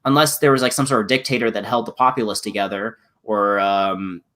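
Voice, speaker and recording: A man's voice: fairly low pitch, steady tone, brisk, a bit bright. A man in a casual political discussion, rambling with many restarts and fillers. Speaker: channel host in a discussion.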